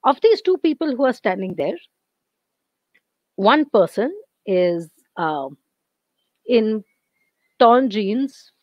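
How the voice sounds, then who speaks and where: An Indian English woman gives an online lecture, explaining step by step. Her voice is hoarse and she keeps clearing her throat. The computer-mic audio is dry and a little dull. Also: fairly high pitch, sing-song, takes it slowly, pauses often, no room sound. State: losing her voice.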